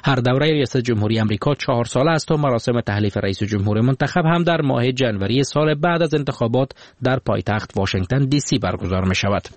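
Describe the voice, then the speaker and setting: Afghan Dari male news anchor, mid-pitched, dry sound, steady formal read. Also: no room sound. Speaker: news presenter. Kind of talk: news report.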